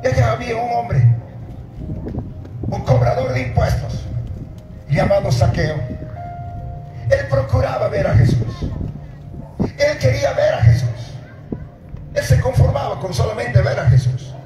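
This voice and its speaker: A middle-aged man preaching at night on an outdoor stage, speaking into a handheld mic, calling out to the congregation and shouting at the peaks. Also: extremely high pitch, expressive, unhurried, long pauses, music in the background. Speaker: pastor. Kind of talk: open-air sermon. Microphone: handheld mic through PA, filmed from far. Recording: echoey PA sound from far off.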